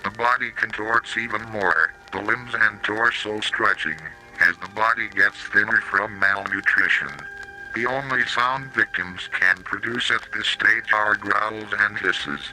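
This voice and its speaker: A robotic, synthetic male text-to-speech voice, fairly low and sharp, reads a scripted analog horror public-safety warning tape with odd pronunciations. The recording is rough, with slow music underneath.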